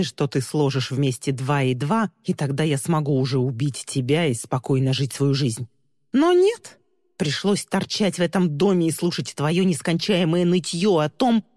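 Woman doing a cruel villainess, sneering, contemptuous, low dark voice, dry close mic, reverb tail. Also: lively intonation, unhurried. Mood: scornful. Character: cruel mocking woman villain, scornful and cold.

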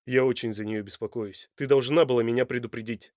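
A man reading an audiobook voices a hot-tempered, protective young man who speaks loud and sharp. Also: medium pitch, fairly even intonation, fairly quick, no room sound, clean studio sound, close to an everyday voice. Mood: angry.

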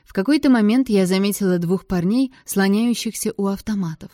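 A woman reading a novel aloud in the first person, in an expressive, measured storytelling manner on a close mic. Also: mid-range voice, dry recording. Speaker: audiobook narrator. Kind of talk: first-person audiobook narration.

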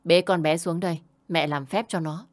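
A woman's voice: lowish voice, fairly even intonation, normal speed, natural voice. A woman doing a bossy old mother-in-law. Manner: scolding, insistent.

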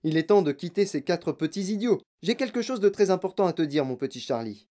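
Reader voicing an eccentric chocolate-factory owner, jovial, mellow dark tone, storybook. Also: mid-range voice, animated, fairly quick, lightly acted. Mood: cheerful. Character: eccentric cheerful male chocolate maker.

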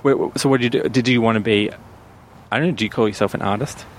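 A man from Perth hosting a podcast, asking relaxed, rambling questions in casual chat. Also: mid-range voice, fast talker, slight background noise. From Perth, Australia. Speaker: podcast host.

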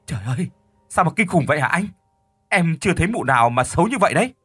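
A jumpy, loose-mouthed kid brother, played by a male storyteller, pitched well above a man's usual voice and whiny, stumbling over words when scared. The tone is bright and a little breathy. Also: quick pace, no room sound, studio quality, soft background music. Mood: frightened.

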